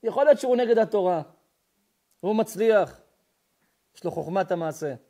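High-voiced, animated rabbi preaching. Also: male voice. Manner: rhetorical questions answered himself, lively and emphatic. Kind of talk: sermon lesson.

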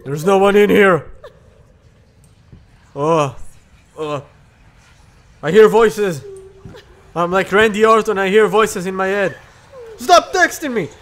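Jumpy, high-voiced man yelping at a horror game. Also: slow pace, long pauses. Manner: excitable, yelping and shouting at scares, jokey asides. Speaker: gaming channel host. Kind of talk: horror game let's play commentary. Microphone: desk mic with pop filter.

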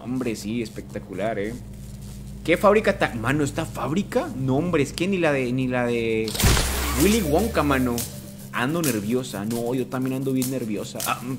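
A man from Colombia with a Mexican-sounding Spanish accent, commentating a live game stream and greeting his chat, prone to sudden excited shouts. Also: medium pitch, measured pace, over music. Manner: excitable, bursts into shouts at scares. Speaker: gaming streamer.

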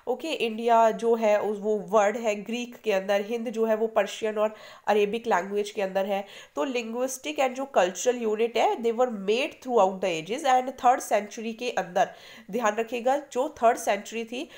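A woman's voice: fairly high pitch, a little slow, darkish tone. An Indian woman teaching a history lesson for exam preparation in mixed Hindi and English, explaining patiently and asking her students questions.

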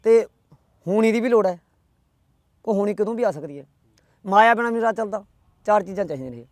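A man's voice: high-pitched, a little mellow, no echo, natural voice. A man doing a worried old king.

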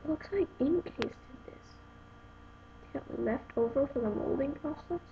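A young adult woman talks at a normal speed in a high-pitched voice. Reviewing a phone case on her vlog, she unboxes it casually and rambles to viewers in an exasperated way. The home video sounds dull and lo-fi, with noise.

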